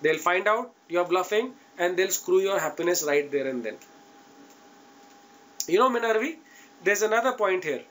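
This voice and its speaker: A man with an Indian accent coaches students for interviews in an online class, his high, fairly bright voice expressive and at normal speed, with frequent pauses. He's informal and direct, emphatic in his advice, and often checks in with listeners.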